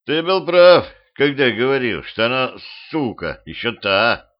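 A man voicing a confident middle-aged colonel with a brisk, commanding manner. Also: medium pitch, sing-song, dull audio.

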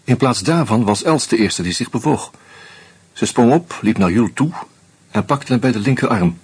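Voicing Hans in a radio drama, a man speaks at medium pitch and normal speed, slightly rough, with lively intonation. The bitter, drunk character narrates in first person and confronts a murderer with sardonic bite.

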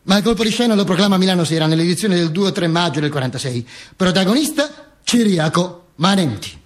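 A stage actor and monologist with a high-pitched, lively, brisk voice performs a theatrical comic monologue. He plays Mussolini's corpse, recounting its own misadventures with ironic wit, in a mock-serious, emphatic delivery full of repetitions and asides.

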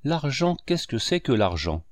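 A man reading an audiobook, voicing a boisterous, sarcastic old man who declaims and breaks into booming laughter. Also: very animated, measured pace, dry recording. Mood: mocking. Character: boisterous sarcastic old male painter, mocking.

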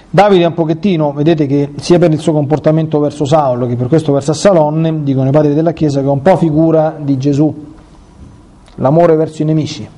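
A man's voice: fairly high pitch, mellow. A man teaching catechesis, reading Bible passages aloud and stopping to talk directly to his listeners. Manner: conversational, addresses listeners directly.

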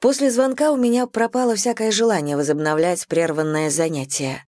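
Woman audiobook narrator, first-person novel, measured delivery, lowish voice, dry close studio sound. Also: fairly even intonation, darkish tone, no echo.

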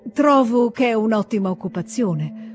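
A woman reading aloud, voicing a learned, polite middle-aged man with a slow, emphatic delivery. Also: on the high side, lively intonation, soft background music, close to an everyday voice. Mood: eager.

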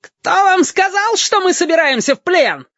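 A man's voice: very high voice, animated, moderate pace, a bit bright, no echo, pitched above the performer's own voice, full character voice. A man voicing a panicky adult navy lieutenant who shrieks and blusters, in an audiobook reading. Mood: shrill bravado. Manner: screechy, blustering, barking orders. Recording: dull, dry audiobook recording.

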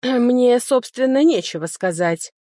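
Woman putting on a sly mocking high lord. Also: animated, a little slow, dark tone, no room sound, studio quality. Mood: defensive. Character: sly male high lord, a mage, evasive.

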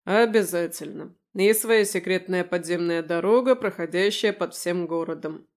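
A calm, curt werewolf man with a dry wit, read by a woman in an audiobook. He answers flatly, in clipped, unbothered phrases. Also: on the low side, moderate pace, close to an everyday voice. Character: calm dry-witted male werewolf in human form. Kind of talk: audiobook character voice.

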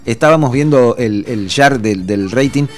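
A man's voice: mid-range voice, normal speed. A middle-aged man with an Argentine accent, hosting a radio show in a casual, effusive way, reading listeners' messages with many fillers and restarts. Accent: Argentine Spanish.

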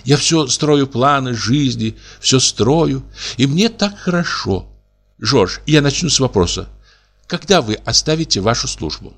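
A man's voice: mid-range voice, animated, unhurried, a bit bright, pitched above the performer's own voice. Man voicing a tearful pleading young woman. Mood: dreamy. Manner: pleading, sobbing outbursts. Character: anguished young woman, emotional, tearful lover. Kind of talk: audiobook reading.

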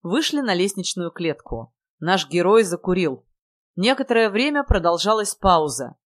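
A woman's voice: on the low side, sing-song, moderate pace, no room sound, studio quality. A woman narrating a comic novel as an audiobook in a wry storytelling manner.

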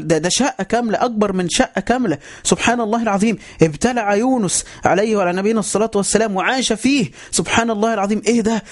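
A man with an Egyptian Arabic accent giving a religious lesson. He speaks emphatically, repeats phrases and keeps telling listeners to pay attention. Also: sits high. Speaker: Islamic teacher. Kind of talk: religious lesson on a voice chat app.

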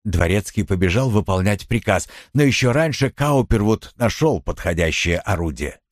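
A male narrator reads a novel in a dramatic, expressive style. His pitch moves in a lively way, and the recording is dry and close with no room sound. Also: moderate pace, no room sound. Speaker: audiobook narrator. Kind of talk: scripted narration.

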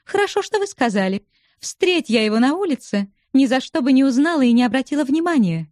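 A woman putting on a high teasing young widow. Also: very animated, fairly quick, darkish tone, dry recording, studio quality. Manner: coquettish, bantering.

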